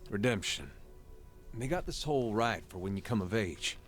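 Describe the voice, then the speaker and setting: A man's voice: expressive, moderate pace, natural voice. A man playing a wry companion in a video game, talking in a colloquial, storytelling way. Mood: wry, reminiscing. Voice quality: low-pitched. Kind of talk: video game character dialogue. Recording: game dialogue over background music.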